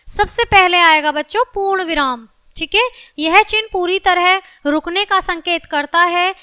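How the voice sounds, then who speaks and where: A woman teaching a recorded grammar lesson to children, often checking whether they follow and slowing down to stress her examples. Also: extremely high pitch, pushed and bright. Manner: addresses children often, checks understanding with repeated questions; slows down and stresses example sentences.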